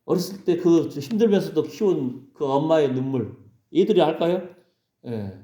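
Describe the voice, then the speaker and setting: Pastor guy preaching, keeps asking the crowd "right?", bit high voice, mellow, echoey church. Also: lively intonation, moderate pace. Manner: conversational preaching, prompting the congregation with "예?". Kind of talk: sermon. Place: church sanctuary.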